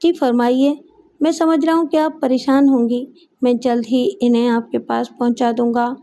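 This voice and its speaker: A woman voicing a courteous, calm young man in an audiobook story. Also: a little high, normal speed, lightly acted. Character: polite, composed young man. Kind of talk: audiobook character voice.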